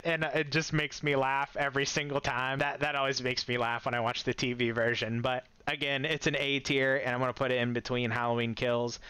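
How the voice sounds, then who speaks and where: A man's voice: mid-range voice, little pitch movement, fairly quick, few pauses, pushed and bright, soft background music. A man giving a casual, enthusiastic movie-ranking commentary, chuckling often and rambling with restarts. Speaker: movie reviewer.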